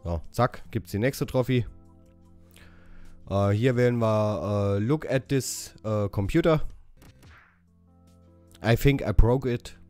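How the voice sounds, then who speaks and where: Slow-talking man narrating a game walkthrough. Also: lowish voice, darkish tone, soft background music. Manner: reads English dialogue options haltingly, correcting himself. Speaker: gaming channel host. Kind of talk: casual game walkthrough commentary.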